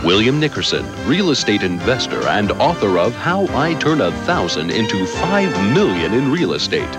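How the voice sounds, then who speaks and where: A man's voice: lowish voice, big pitch swings, normal speed. A man announcing a scripted hard-sell ad. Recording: loud music behind the voice. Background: loud music.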